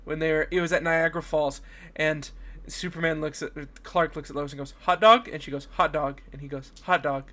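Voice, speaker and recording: Bright, animated man in casual chat. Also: on the high side, a little fast. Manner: animated, laughs often while talking. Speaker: podcast co-host.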